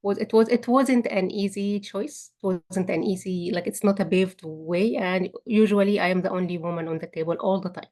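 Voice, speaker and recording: At a meetup, a woman from Egypt recounts her own career path at a moderate pace, barely pausing. Her voice is medium in pitch, and her talk is full of restarts, repeated words and warm laughing asides.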